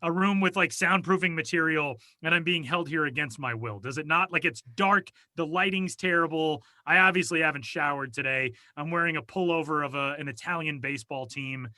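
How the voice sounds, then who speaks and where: Fairly quick and with few pauses, a man with a fairly high, pushed and bright voice co-hosts a podcast in a dry recording. His casual chat rambles with self-deprecating jokes, captured on a home studio mic over video call in a small soundproofed closet.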